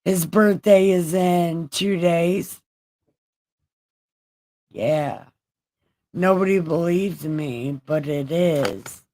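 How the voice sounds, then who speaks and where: Slow-talking teasing woman streamer. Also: on the low side, dry recording, low-quality recording. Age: 40s. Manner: loud, teasing and joking. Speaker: livestream host. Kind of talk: casual livestream chat.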